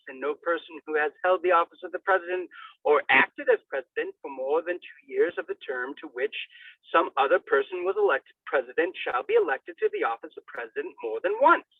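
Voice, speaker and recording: Thin, radio-like phone audio from a far-off mic carries a man reading a formal legal document with theatrical declamation and abrupt emphatic bursts. His high voice swoops wildly in pitch at a brisk pace, without echo.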